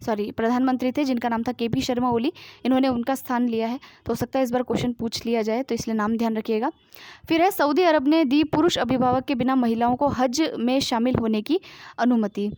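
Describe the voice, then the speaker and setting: A woman's voice: a little high, darkish tone, no room sound. A woman teaching a current-affairs lesson for exam students, reading news items aloud and then explaining them in plain asides with frequent fillers. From India.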